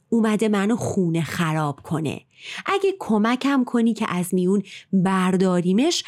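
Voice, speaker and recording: A treacherous vizier from an old storybook tale speaks with urgent persuasion, as a woman narrator puts him on. He coaxes and commands in turn, and his voice rises and falls with lively swings. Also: medium pitch, lightly acted. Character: scheming male vizier, grown man, treacherous.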